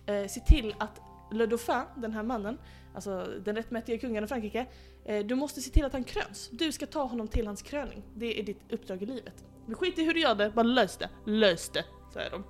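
A woman's voice: on the high side, lively intonation, few pauses, soft background music. A woman casually telling a history story to a friend, playfully acting out the people in it. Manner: playful, acts out quoted figures, laughs often. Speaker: podcast host telling history.

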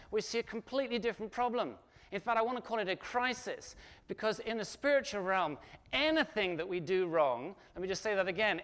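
A middle-aged pastor preaching a sermon in a conversational, animated way, full of asides and rhetorical questions. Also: male voice, high-pitched.

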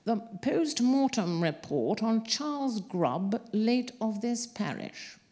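A woman voicing a reedy-voiced male coroner who reads a post-mortem report slowly and formally. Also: fairly high pitch, expressive, mellow, pitched above the performer's own voice.

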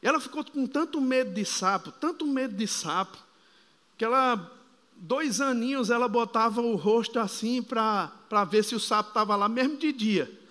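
A middle-aged man preaching a fervent sermon, calling the congregation to repeat phrases after him and building up to shouts. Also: very high-pitched, normal speed. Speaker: apostle preaching. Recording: long hall reverb.

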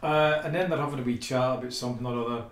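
Roomy, animated man retelling comics. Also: medium pitch, racing. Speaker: podcast co-host. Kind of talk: casual chat. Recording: roomy and distant from the mic.

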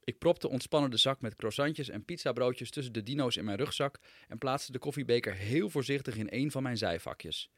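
A man's voice: medium pitch, fairly quick, hardly any pauses, a bit bright, no echo. A man, a writer, reading aloud his own humorous personal essay with dry, wry storytelling.

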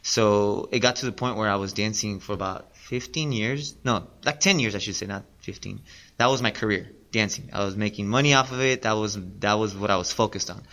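Man, late thirties, low pitch, casual podcast guest, earnest, repetitive. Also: a little fast, pushed and bright. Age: 30s. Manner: rambling, earnest, repeats himself. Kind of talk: casual interview talk.

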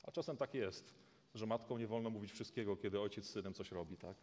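A man's voice: on the low side, fast talker, darkish tone, slight background noise. A man preaching a sermon, retelling a scripture story in a dramatic storytelling way. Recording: long reverb of a large hall.

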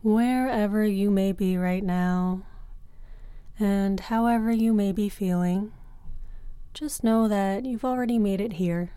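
Slow, soft-spoken woman guiding meditation. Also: medium pitch, clean tone, dry recording. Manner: slow, soft and soothing, with long pauses. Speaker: yoga and meditation teacher. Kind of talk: guided breathing meditation.

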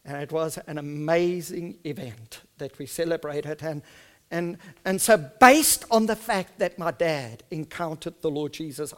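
A middle-aged male pastor, a native Afrikaans speaker with a South African Afrikaans accent, delivers a sermon woven with personal stories. His voice sits a little high, and he preaches earnestly, shifting between hushed, soft stretches and loud, emphatic ones.

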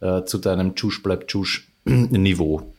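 Ein Mann mit Wiener Akzent, Co-Moderator eines Podcasts, plaudert locker und witzelnd in kräftigem Dialekt. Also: male voice, low voice, measured pace, darkish tone, slightly rough. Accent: Viennese. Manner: laid-back, joking, heavy dialect slang. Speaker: podcast co-host. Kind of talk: casual chat.

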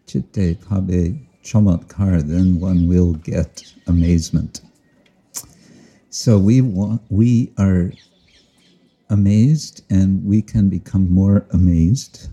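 A man giving a slow, reflective devotional talk outdoors to listeners, often chuckling and explaining Sanskrit and Bengali terms. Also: deep voice, warm tone, breathy edge. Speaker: spiritual teacher. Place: outdoors with listeners, sun overhead.

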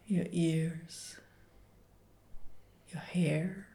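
A woman leading a guided relaxation meditation, speaking softly and partly in whispers. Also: lowish voice, fairly even intonation. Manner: soft, slow, soothing, partly whispered.

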